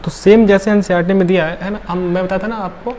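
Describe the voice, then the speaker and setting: A tired man teaches chemistry in a fairly high voice. He works step by step, counting aloud and checking in with the class often. A faint hiss sits under the recording. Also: fairly even intonation, quick pace, darkish tone. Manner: counts atoms aloud, frequent checking tags. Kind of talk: classroom lecture.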